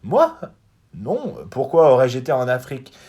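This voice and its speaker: A man voicing a boastful, bossy male blackbird who is quick to take offense, in a children's storybook reading. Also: mid-range voice, sing-song, slightly rough, voice pushed up. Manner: loud, self-assured, proclaims his own name.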